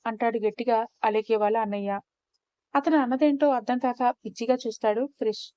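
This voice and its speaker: A woman telling a dramatic story in a steady, expressive storytelling voice. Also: fairly high pitch, brisk, no echo. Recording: slightly dull, muffled recording.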